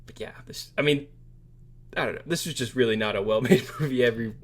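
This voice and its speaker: Co-hosting a laid-back podcast about films, this man talks at a quick clip in a medium-pitched voice. He comes across as informal and a little unsure, frequently drifting off mid-thought.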